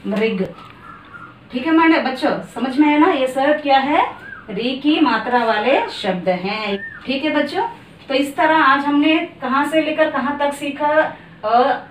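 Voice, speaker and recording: High-voiced woman teacher in an echoey room. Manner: slow, drawn-out syllables with repeated call-and-answer questions. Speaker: Hindi teacher. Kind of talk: slow classroom lesson for children. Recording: echoey room, voice from a distance, faint background noise.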